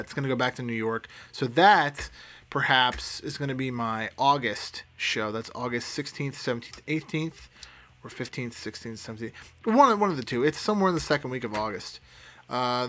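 A man's voice: mid-range voice, a bit bright. A man, hosting a casual solo podcast and rambling with lots of swearing, fillers and restarts. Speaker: podcast host.

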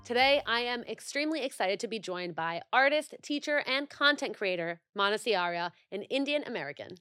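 A woman's voice: fairly high pitch, animated, fairly quick, sharp tone, smooth, no echo, clean studio sound, faint music behind. A woman hosting a conversational podcast, upbeat and playful, laughing easily with her guest. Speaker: podcast host.

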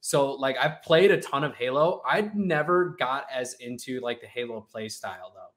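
A man in his mid twenties in casual podcast chat, halting and full of "like.". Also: medium pitch, animated, fairly bright tone. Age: 20s.

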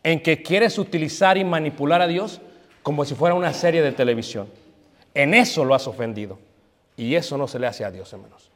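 High-voiced preacher scolding his congregation. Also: fairly quick, big-room sound. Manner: scolding, asks the congregation questions and answers them. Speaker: pastor. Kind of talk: sermon. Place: church hall.

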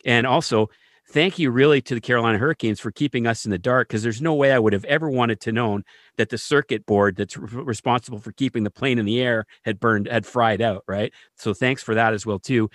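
Animated male storyteller, dry sound. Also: mid-range voice, a little fast, dry recording. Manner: animated, keeps asking "right?". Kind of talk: casual storytelling.

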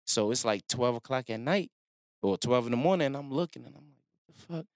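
A man telling a long personal story in a relaxed, slangy way, acting out what people said. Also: mid-range voice, brisk, no room sound, studio quality. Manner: laid-back slangy storytelling, acts out quotes. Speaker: guest telling his story. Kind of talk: casual storytelling.

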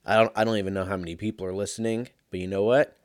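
This solo podcast comes from a man in his thirties who's drained after being sick the night before, rambling casually with profanity and plenty of laughter. He talks rapid-fire in a steady, lowish voice, recorded at studio quality without any echo.

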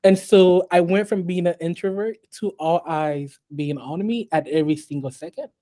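This guest artist on a podcast interview is a man who was born in Haiti and grew up in the US. His voice is high and mellow, and he speaks in a measured way, full of ums and restarts.

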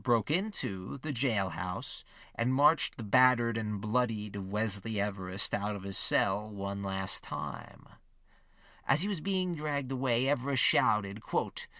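A man giving scripted narration for a history podcast, measured and steady, reading quotes with lifted emphasis. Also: mid-range voice, no room sound, studio quality.

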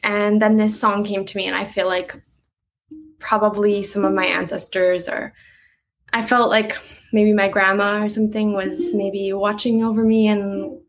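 A young woman talking casually about her music in an interview, chatty and quick to laugh, with lots of "like" in her speech. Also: mid-range voice, level tone, low-quality recording. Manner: chatty, uses "like" a lot, laughs easily. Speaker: guest musician.

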